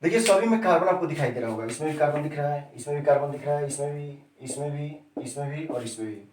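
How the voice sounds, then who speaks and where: A man's voice: fairly high pitch, quick pace, darkish tone, slight background noise. A male chemistry teacher giving a classroom lesson who repeats key terms and keeps quizzing his students with questions. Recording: echoey room, mic set far off.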